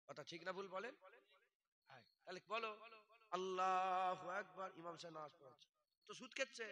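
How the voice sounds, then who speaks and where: Man preaching a waz, high and cutting, scolds the crowd and swings from mutters to shouts. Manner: scolding, rhetorical questions to the crowd. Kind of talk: Bengali waz sermon.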